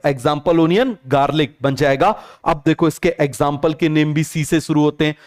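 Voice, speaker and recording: In an online biology lecture, a young male teacher speaks in Hindi sprinkled with English terms, his voice smooth and fairly high. He repeats every term several times and constantly answers his own questions.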